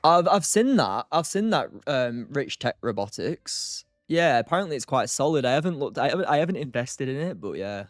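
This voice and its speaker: A man speaks close and dry into a desk mic, his tone tired and loose as he thinks out loud. He drifts between half-finished thoughts and quick replies to his chat. Faint music hums behind him. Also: mid-range voice, very animated, dry recording. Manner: thinks aloud, trails off, answers chat. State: tired, short on sleep. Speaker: streamer, day trader. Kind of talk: casual live-stream commentary.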